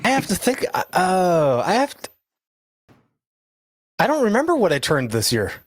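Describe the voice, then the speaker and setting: With a high-pitched voice that swings hugely in pitch, a forties-aged podcast co-host with a sore foot chats at a moderate pace. His casual talk is rambling and self-mocking.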